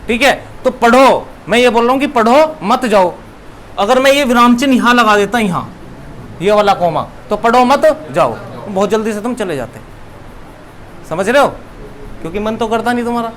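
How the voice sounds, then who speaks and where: A man's voice: high-pitched, a bit bright, a little hiss or hum. A young man teaching a classroom lesson, repeating key words and asking questions he then answers himself.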